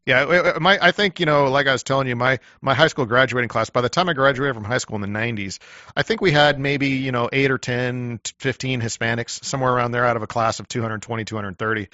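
A man's voice: medium pitch, fast, bright, forceful tone, no echo. Chatty man, dry dull sound. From Washington State, US. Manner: chatty, many "you know" fillers. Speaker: guest. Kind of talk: casual conversation.

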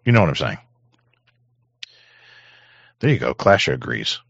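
Host, middle-aged man, extremely low, hoarse voice, rambling profane monologue on a dry, dull-sounding studio mic. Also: sing-song, unhurried, dry recording. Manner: rambling, profane, frequent throat-clearing. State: hoarse throat. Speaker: show host. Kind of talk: casual on-air monologue. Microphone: studio microphone.

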